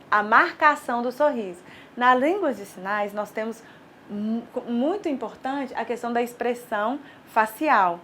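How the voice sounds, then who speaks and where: Brazilian woman teacher, kinda high voice, explains patiently, asks "ok?" a lot, faint hiss behind. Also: fairly bright tone. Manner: explanatory, checks understanding with frequent "ok?". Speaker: sign language teacher. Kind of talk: recorded online lecture. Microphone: studio lecture recording.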